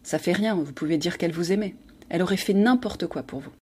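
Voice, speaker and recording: A woman voicing a gentle, timid middle-aged male taxi driver, plain-spoken and rueful, in an audiobook reading. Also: on the low side, fast talker, husky.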